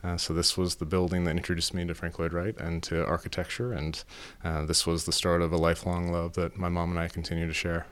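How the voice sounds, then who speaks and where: A man answering interview questions earnestly, halting and restarting often. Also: low voice, monotone, clean tone. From Phoenix, Arizona. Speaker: house owner, interviewee.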